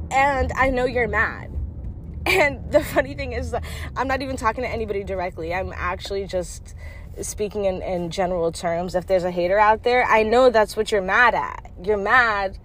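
A woman's voice: fairly high pitch, fairly bright tone, a little hiss or hum. Blunt, profane young woman confiding. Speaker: vlogger. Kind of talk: candid monologue to camera.

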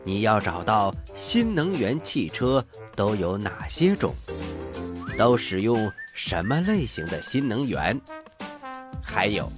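A low-pitched man tells children's stories as host, with lively swings in his delivery. He is theatrical and encouraging like a kindly uncle, over background music. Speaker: storytelling host. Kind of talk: children's storytelling, scripted narration and dialogue.

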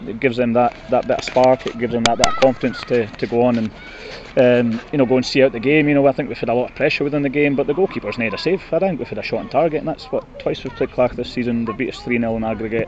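A Scottish man giving a post-match interview as a football manager, blunt and disappointed, speaking haltingly. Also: medium pitch. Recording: muffled, noisy outdoor recording with traffic.

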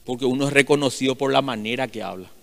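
A male pastor, preaching loudly and emphatically, rising and falling in volume. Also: medium pitch, fast talker, vocal fry. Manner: loud, emphatic preaching with sudden swells and drops. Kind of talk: sermon. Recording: long hall reverb.

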